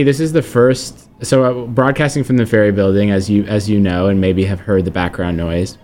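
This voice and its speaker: A man's voice: fairly low pitch, darkish tone. A man hosting a music radio show in an informal, hesitant, meandering way, chatting casually to listeners as he introduces tracks. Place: public ferry building, broadcasting live. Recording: music playing behind.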